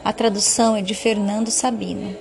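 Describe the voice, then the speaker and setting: A woman reading a children's story aloud in calm, measured narration, then commenting on it. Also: mid-range voice, creaky, faint music behind.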